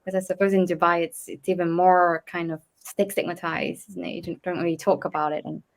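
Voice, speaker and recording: A woman who grew up in Asia, interviewing a guest in a relaxed and reflective way and relating the story to her own. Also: lowish voice, a little fast. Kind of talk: casual interview.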